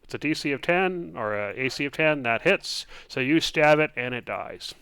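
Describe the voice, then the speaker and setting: A man narrating as game master, describing actions and dice rolls in a relaxed way with many fillers. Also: on the high side, moderate pace, background noise.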